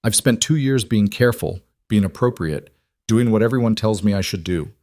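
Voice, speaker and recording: A man voicing a weary, grieving young widow in a storybook reading, in his own low, dry voice. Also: moderate pace, darkish tone, no echo, close to an everyday voice. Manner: tired, pleading.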